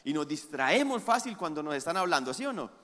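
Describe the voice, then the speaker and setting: A man preaching a sermon, leading the congregation in call-and-response and moving between hushed and loud emphatic passages. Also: fairly high pitch, sing-song, brisk, long reverb tail. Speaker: pastor.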